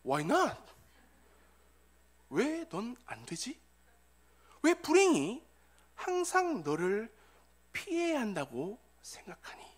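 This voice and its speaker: A man voicing God in a low, gentle, half-whispered tone during a sermon. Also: wildly swooping pitch, slow, pauses often, full character voice. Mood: tender hush. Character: gentle, tender voice of God, hushed.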